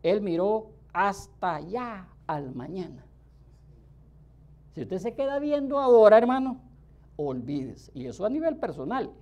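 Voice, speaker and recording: Male preacher, sermon delivery, mellow tone, emphatic, swings between soft asides and loud bursts. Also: sits high, big pitch swings, unhurried. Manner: emphatic, keeps calling out to the listeners.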